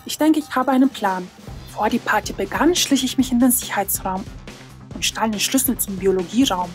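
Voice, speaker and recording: A woman's voice: medium pitch, a little fast, faint music behind. A woman narrating a tense first-person story in a dramatic storytelling manner.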